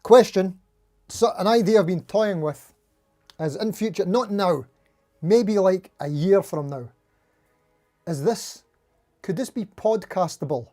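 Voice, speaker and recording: A man with a soft, dark-toned voice talks casually as a live stream host, with music playing behind him. He rambles like someone who has had too much coffee, jittery and self-deprecating, and keeps breaking off to address his viewers. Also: high-pitched, a little slow, long pauses. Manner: over-caffeinated, jittery rambling.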